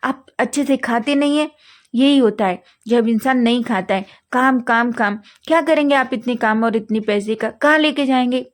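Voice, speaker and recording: A woman's voice: on the high side, moderate pace, close to an everyday voice. A woman voicing a caring young man who scolds and nags his partner and stammers when flustered. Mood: scolding.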